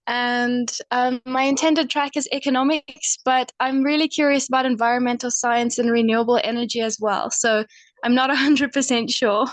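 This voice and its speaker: A woman's voice: a little high, steady tone, moderate pace, dry recording. A young woman from Zimbabwe on a video call, introducing herself hesitantly with fillers. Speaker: prospective student.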